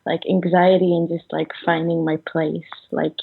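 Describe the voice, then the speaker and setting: A young woman from Sweden, a musician interviewed by phone, speaks in a low, gravelly voice. She answers haltingly, with many fillers, and often trails off. The sound comes through a thin, tinny phone line. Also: flat delivery. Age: 20s. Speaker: musician guest.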